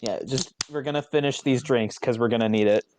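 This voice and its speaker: A man's voice: mid-range voice, fairly quick, darkish tone, slight background noise. A man hosting a live fan fiction reading contest, casual and joking, swearing freely.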